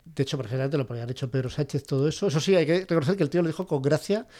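A man co-hosting a casual podcast panel, jumping in quickly and laying out his opinions. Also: on the high side, dark tone. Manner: rapid, quick to interject and argue. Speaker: podcast co-host.

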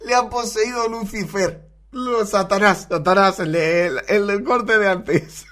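A man's voice: high-pitched, slow, fairly bright tone. Chatty joking man from Valencia. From Valencia, Spain. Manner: chatty, laughs often, colloquial and joking. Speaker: podcast host reacting to clips. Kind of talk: casual comic commentary.

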